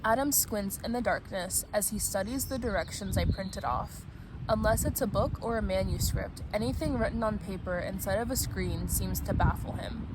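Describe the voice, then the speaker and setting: A woman hosting a vlog chats playfully and casually, then reads aloud from a novel, at a picnic spot outdoors. Her voice is mid-range at normal speed, and the outdoor recording is noisy with traffic ambience.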